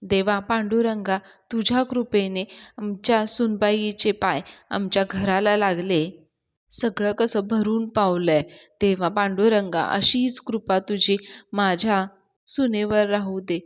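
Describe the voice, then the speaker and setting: A woman voicing a devout elderly man praying slowly and reverently. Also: mid-range voice, steady tone, close to an everyday voice. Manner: slow, reverent prayer.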